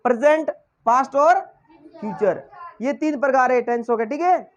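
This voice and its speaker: Man, English teacher, classroom lesson, question-and-answer drilling, high pitch, lo-fi sound. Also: moderate pace. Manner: quizzes the class, repeats questions and answers them himself.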